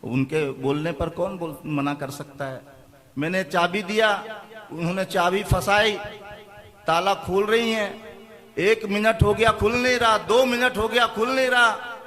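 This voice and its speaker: A middle-aged man, a comic poet, telling funny stories on stage with quick switches into quoted voices. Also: sits high, fairly even intonation, a bit bright. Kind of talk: stand-up storytelling.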